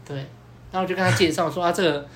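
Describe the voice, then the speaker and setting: Rapid-fire and high-voiced, this podcast host spins a casual, animated story, acting out each side of the conversation and leaning on many fillers. The background is noisy.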